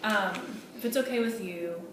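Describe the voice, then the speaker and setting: At normal speed and medium pitch, close to her everyday voice, a woman plays an earnest female medical student in a role-play meeting. She talks politely yet hesitantly, with plenty of fillers and restarts, and the recording is noisy, echoey and captured on a distant mic.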